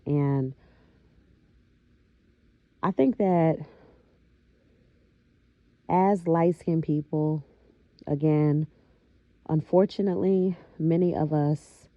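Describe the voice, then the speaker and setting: Slow, low-voiced woman vlogger. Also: no echo, dull audio. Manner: slow, reflective, with frequent fillers and soft laughs. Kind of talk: casual talking-to-camera monologue.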